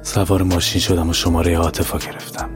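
A man narrating a scripted horror story in a steady, matter-of-fact way. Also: deep voice, over music. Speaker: narrator and writer.

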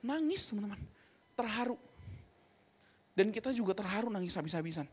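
A man's voice: high-pitched, expressive, a little fast, husky. A man preaching a casual youth sermon, chatty and keeps addressing his listeners directly, slipping into English now and then.

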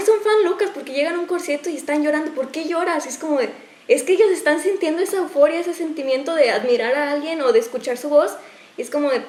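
A woman's voice: high-pitched, a little mellow. A woman, a dance teacher co-hosting a podcast, chatting casually with many fillers. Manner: chatty, full of fillers like "o sea". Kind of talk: casual group chat. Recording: echoey room with faint noise.

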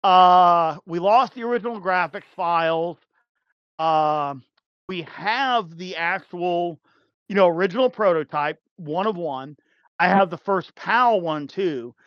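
A man with a high voice chats loosely as a podcast guest, circling back with fillers and restarts and laughing often. The sound is dry and a bit muffled. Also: takes it slowly, dry recording. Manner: rambling, many fillers and restarts, laughs easily. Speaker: podcast guest, game developer. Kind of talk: casual chat.

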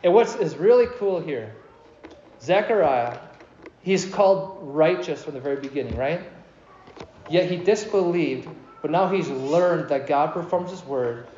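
A man preaching a sermon as pastor, animated and asking his congregation questions. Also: on the high side, unhurried, a little hiss or hum. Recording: echoey, dull hall recording.

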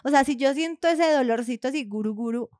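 Woman podcast co-host, higher voice, dry close mic, animated casual storyteller. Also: a little fast, no room sound. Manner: animated storytelling with frequent laughter. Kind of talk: casual chat.

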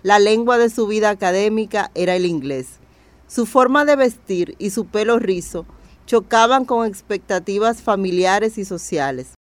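A documentary narrator reads a scripted life story with a measured, even delivery. The sound is dry and close, with no room around the voice. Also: medium pitch, no room sound.

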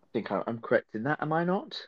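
A man's voice: medium pitch, sing-song, fast talker. Man, casual co-host chat, breaking-up online call, dull lo-fi sound. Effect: choppy, breaking-up online call audio.

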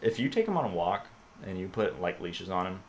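A man hosting a casual chat, laid-back and lively when he tells a story. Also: deep voice, brisk, slight background noise.

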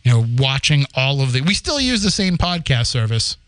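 In clean studio sound with no echo, this podcast host, a man in his forties originally from around Boston, chats casually and rambles through the show's story. His mid-range voice is very animated, fairly bright and clean at a normal speed, broken by frequent restarts and laughter.

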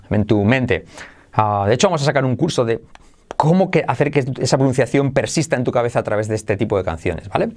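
Animated man teaching English. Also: medium pitch. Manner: animated, switching between Spanish and English, sings snatches of songs. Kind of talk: lively English lesson.

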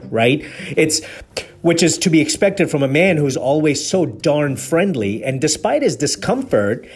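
A man's voice: medium pitch, husky. Earnest man from Kenya giving leadership lessons. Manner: earnest, preachy, with rhetorical questions. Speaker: podcast host. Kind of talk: motivational leadership talk.

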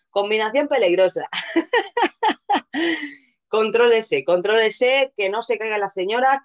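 A woman with a Castilian Spanish accent hosting a casual live show, chatty, playful and given to exclamations. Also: mid-range voice. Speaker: host. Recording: dull, lo-fi audio.

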